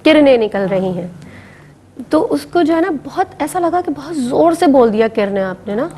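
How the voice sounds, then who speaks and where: Higher-voiced woman coaching singers. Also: lively intonation, warm tone. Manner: instructive, explains technique. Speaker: naat judge. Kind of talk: giving feedback on a performance. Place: TV studio.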